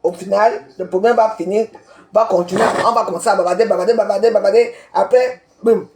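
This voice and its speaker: A woman's voice: mid-range voice, steady tone, brisk, a little mellow, slight background noise. A woman from Cameroon, ranting on a live video and confronting people by name, repeating herself as she goes. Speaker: social media commentator. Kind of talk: heated live-video rant. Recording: roomy echo.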